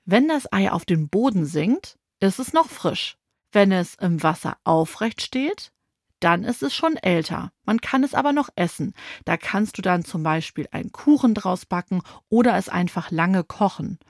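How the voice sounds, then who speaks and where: A woman's voice: medium pitch, animated, normal speed, no echo, studio quality. Brief: know-it-all but kind older sister in a children's audio story, voiced by a woman narrator. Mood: explaining. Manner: patient, explaining. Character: clever helpful older sister, girl.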